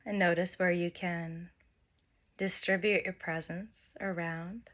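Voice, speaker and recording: A woman with a lowish, very level voice and fairly even intonation guides a meditation outdoors, with wind and birds around her. She speaks very slowly in short, gentle phrases, giving soft instructions separated by long pauses.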